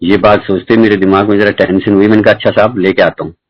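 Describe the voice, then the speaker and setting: A middle-aged man with a fairly low voice shares a personal devotional story in a chatty, storytelling way. He plays out both sides of each conversation as he goes. The recording is dull and lo-fi. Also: fairly even intonation, fast. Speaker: devotee sharing a testimony. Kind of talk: storytelling testimony at a satsang.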